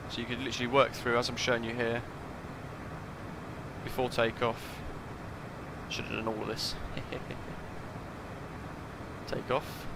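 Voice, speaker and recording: A man's voice: medium pitch, flat delivery, unhurried, creaky, pauses often, background noise. A man casually talking through a flight sim live stream, thinking aloud and chatting with his viewers.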